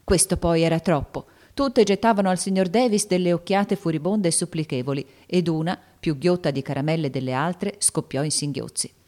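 Low-voiced woman narrating a storybook. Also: normal speed, hardly any pauses. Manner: expressive, dramatic storytelling. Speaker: audiobook narrator. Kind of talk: scripted narration of a classic novel.

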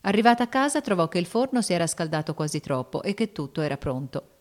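A woman reading a classic novel aloud as narrator, steady and even. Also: lowish voice, quick pace. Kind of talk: scripted audiobook narration.

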